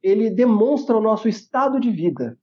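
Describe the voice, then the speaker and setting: A man's voice: sits high, sing-song, normal speed, highs cut off. A man co-hosting a podcast who explains points in a teacherly way, asking rhetorical questions and tagging lines with "né?". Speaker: podcast co-host. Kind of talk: explanatory casual talk.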